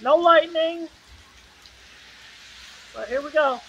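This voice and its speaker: A woman giving excitable live storm-chasing commentary in short, repeated exclamations. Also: sits high, takes it slowly, dull audio. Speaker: storm chaser livestreaming. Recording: noisy outdoor recording with rain and wind.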